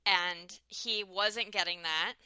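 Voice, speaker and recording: A young woman with a bright, crisp voice talks through a reality show in casual podcast chat. She gets fired up and acts out what people said. The sound is dry and close. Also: mid-range voice, steady tone, takes it slowly, no echo. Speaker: podcast co-host.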